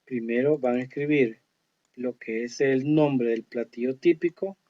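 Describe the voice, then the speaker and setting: A man teaching an online English lesson, explaining slowly and reading English words with care. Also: mid-range voice, steady tone, warm tone. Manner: slow, explanatory, reads English words carefully. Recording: dull lo-fi audio.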